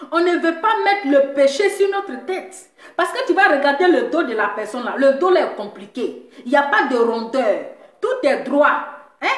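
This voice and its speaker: A woman's voice: sits high, echoey room. A woman, ranting and teasing in a casual mocking way, repeating herself and laughing as she talks. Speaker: social media commentator. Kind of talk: mocking casual rant to viewers.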